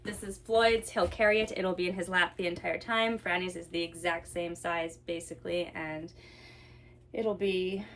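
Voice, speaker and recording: In a clearly noisy home recording full of clicks, a young woman, a vlogger with two small children, talks casually while busy with a task indoors and thinks aloud. She speaks at a moderate pace with a fairly low pitch, a steady tone and a slightly bright quality.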